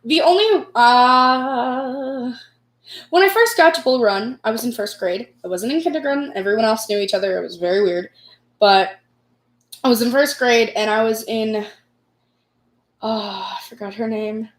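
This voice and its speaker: Casting: young female vlogger, American accent, fairly high voice, rambling self-mocking storyteller, echoey room sound. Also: moderate pace. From United States. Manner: rambling, self-deprecating, giggly. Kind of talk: casual personal storytelling.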